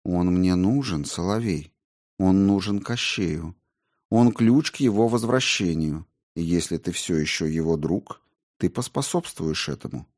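A cold, scheming sorceress who scolds with open sarcasm and quiet threats, read by a man. The voice stays low and only lightly altered. An audiobook character. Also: lively intonation, measured pace. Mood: cold persuasion.

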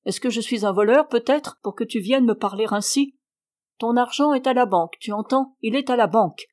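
A woman's voice: mid-range voice, moderate pace, natural voice. A woman voicing a blustering angry peasant uncle. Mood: indignant. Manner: shouting, scornful.

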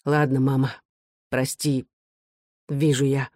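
A narrator voicing a proud young working-class son in a low, muttering voice. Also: moderate pace, a little mellow, no echo, studio quality, natural voice. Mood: remorseful. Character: young male revolutionary son, proud then remorseful. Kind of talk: audiobook character reading.

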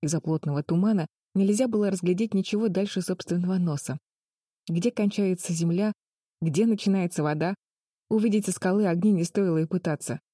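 A woman reading a children's adventure audiobook in a calm, measured way. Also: fairly low pitch, dry recording, clean studio sound. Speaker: narrator. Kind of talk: scripted audiobook narration.

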